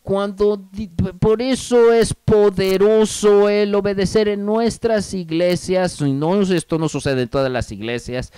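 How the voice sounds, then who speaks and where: A man with a Mexican Spanish accent, preaching a sermon as pastor, with dramatic pauses and urgent appeals. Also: high-pitched, fairly even intonation, dark tone, clear, resonant tone, dry recording.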